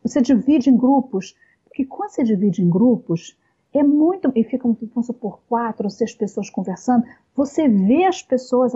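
A woman talking at length in a casual conversation, explaining points slowly with many fillers and pauses. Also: on the high side, warm tone, breathy edge, dull audio. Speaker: guest speaker on communication.

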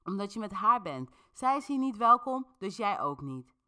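A woman's voice: mid-range voice, very animated, moderate pace, pushed and bright, clean tone, voice pushed up. A woman voicing a stern restaurant waiter who tells guests to leave. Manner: curt, firm.

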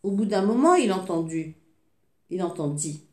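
A woman reading a fairy tale aloud, slowly and expressively, with small slips. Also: fairly low pitch, animated. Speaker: storyteller. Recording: echoey room.

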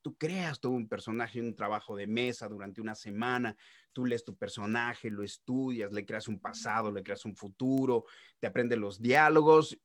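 A middle-aged man, talking casually about his voice work. He tells stories in an animated way, tossing in little sound effects and restarting his sentences. His voice sits at an ordinary pitch and sounds close and dry. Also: normal speed, dry recording. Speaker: voice actor guest. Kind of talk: casual interview storytelling.

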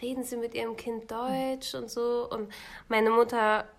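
A young woman with a cold co-hosts a podcast, chatting casually and at length with many restarts. Her voice is on the high side with little pitch movement, at a measured pace.

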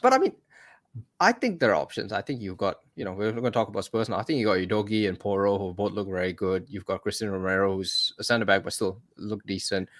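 A man's voice: fairly low pitch, quick pace, fairly bright tone. A man co-hosting a casual fantasy football podcast, chatty and exasperated, often calling his partner "mate". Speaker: podcast co-host. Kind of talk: casual chat.

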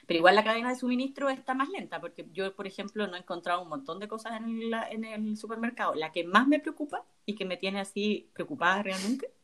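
Chatty woman host, mid-pitched, casual talk. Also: lively intonation, quick pace, few pauses, fairly bright tone. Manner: chatty, laughs often. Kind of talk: casual conversation.

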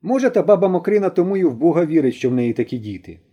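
A man reading an audiobook aloud with expressive storytelling. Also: fairly high pitch, very fast, husky, lo-fi sound. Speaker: audiobook reader. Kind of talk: audiobook narration.

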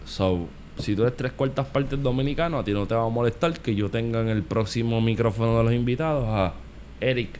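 A man with a Puerto Rican Caribbean Spanish accent and a middle-pitched voice hosts a casual debate. He is blunt, slangy and teasing, and swears freely. There is background noise around him. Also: fairly quick, a little mellow. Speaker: podcast host. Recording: clearly noisy background ambience.

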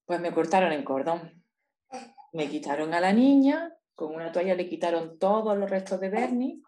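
A woman's voice: lowish voice, lively intonation, moderate pace, dark tone. A woman with a Spain Spanish accent, a guest in a conversation, telling her personal story with intensity and emotion. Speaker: interview guest.

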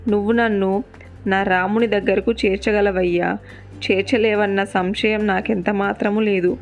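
A woman's voice: mid-range voice, fairly even intonation, moderate pace, faint music behind, lightly acted. A woman narrator voicing a grieving captive queen, devoted and resolute, in a sorrowful yet firm way.

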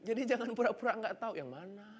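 Lively high-voiced preaching man. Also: fast. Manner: animated, fires rhetorical questions at the congregation; jokey, casual slangy asides. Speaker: pastor. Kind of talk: sermon.

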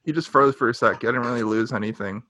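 A man's voice: medium pitch, fast talker, pushed and bright. A man co-hosting a podcast, casually recapping a show with blunt, wry opinions. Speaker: podcast co-host. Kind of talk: casual recap chat about a sitcom.

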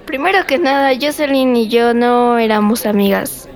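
A woman playing a sharp-tongued, clever schoolgirl in an amateur role-play drama, answering back with sarcasm. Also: fairly high pitch, moderate pace, natural voice. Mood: sarcastic. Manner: sarcastic, retorting.

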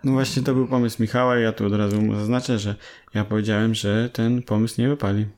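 A man's voice: fairly low pitch, level tone, fast talker, a little mellow. Teasing man needling his co-host. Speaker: podcast co-host. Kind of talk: casual podcast banter.

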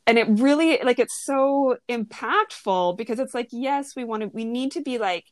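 A woman's voice: fairly high pitch, moderate pace, dry recording. A woman in her thirties talking earnestly and reflectively in a casual conversation, with lots of fillers.

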